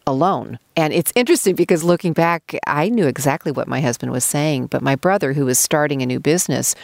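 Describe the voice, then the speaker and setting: Animated woman telling a story. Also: low voice, quick pace, vocal fry, dry recording, clean studio sound. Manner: animated, laughing, lively. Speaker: podcast co-host. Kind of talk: casual storytelling.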